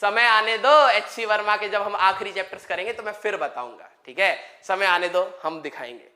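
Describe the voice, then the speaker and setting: Bright-voiced joking physics teacher, man. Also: sits high, moderate pace. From Haryana, India. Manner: chatty, joking asides to students; drawls definitions word by word. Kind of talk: online exam-prep lecture.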